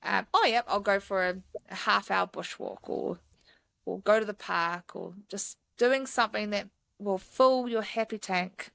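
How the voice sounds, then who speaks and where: Speaking a little slowly with vocal fry, this New Zealand woman in her thirties has a mid-range, slightly bright voice, recorded with no echo. A mountain guide on a podcast, she chats enthusiastically in a casual interview and uses lots of fillers.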